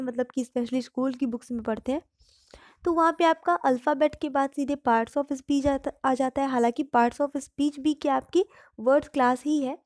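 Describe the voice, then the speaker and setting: A woman's voice: sits high, darkish tone, dry recording, studio quality. A woman teaching English grammar in Hindi, patiently explaining each term and repeating examples.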